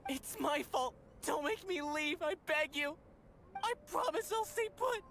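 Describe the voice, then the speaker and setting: A man's voice: very high voice, lively intonation, measured pace, a bit bright, a little hiss or hum, exaggerated voice. A man playing a cowardly, freezing adventurer in a video game, stammering and shivering. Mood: pleading. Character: cowardly, pitiful freezing male adventurer, pleading and panicky.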